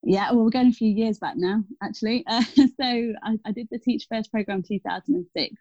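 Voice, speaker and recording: A woman's voice: fairly high pitch, brisk, mellow, no room sound. A woman in her thirties, a teacher speaking casually as an interview guest, chatty with many fillers and self-corrections. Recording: dull, dry lo-fi sound.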